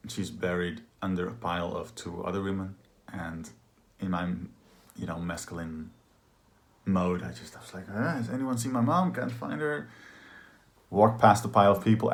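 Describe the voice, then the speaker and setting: A man's voice: low-pitched, little pitch movement, brisk. A man candidly telling a personal story in a rambling, casual way, full of filler words. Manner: candid and confessional. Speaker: trauma healing practitioner.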